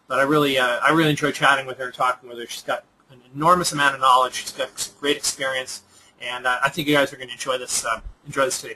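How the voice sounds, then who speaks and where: Man host, casual web chat, halting restarts, very bright tense voice. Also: medium pitch, a little hiss or hum, low-quality recording. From Southern California. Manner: halting, many restarts and fillers. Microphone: computer microphone on a web call.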